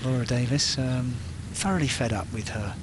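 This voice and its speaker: A male golf commentator with a mid-range voice calls play in a measured, conversational way. The outdoor broadcast has noticeable background noise and a low rumble. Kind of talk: live golf commentary with relaxed chat.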